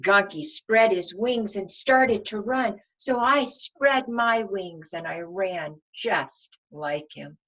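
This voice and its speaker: In a mid-range voice, a woman teacher reads a storybook to young children with plenty of expression and simple phrasing. She pauses at points to ask them questions, and the recording quality is low.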